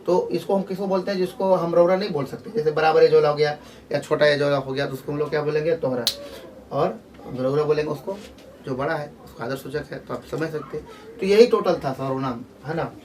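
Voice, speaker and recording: A man's voice: fairly high pitch, brisk, darkish tone, slight background noise. A man explaining a grammar lesson in a loose, repetitive way, full of fillers and restarts, recorded from a distance with faint outdoor sound behind. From Jharkhand. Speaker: teacher. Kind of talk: casual spoken grammar lesson.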